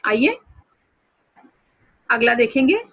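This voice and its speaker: A woman's voice: fairly high pitch, very animated, slow, dull audio. A woman teacher explaining a story lesson to students, guiding them through pictures and new words.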